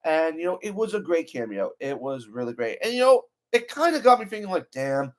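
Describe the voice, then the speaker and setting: A man hosting his own channel, talking through a film in a casual, enthusiastic way, full of "you know" and "like" fillers. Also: medium pitch. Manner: enthusiastic, rambling with many fillers. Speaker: channel host. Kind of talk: casual movie review talk.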